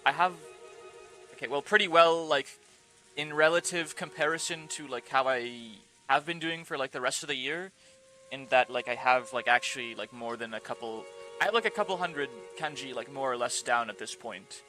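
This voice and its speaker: Rambling bright-voiced male streamer. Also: medium pitch, normal speed, faint music behind, low-quality recording. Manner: rambling, fills speech with "like". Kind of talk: casual chat on a reading stream.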